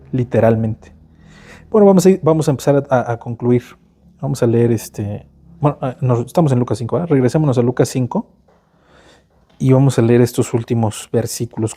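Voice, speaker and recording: A man's voice: mid-range voice, warm tone. A man with a Mexican Spanish accent preaching a sermon in a conversational, casual way, often tagging questions onto his sentences. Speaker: pastor.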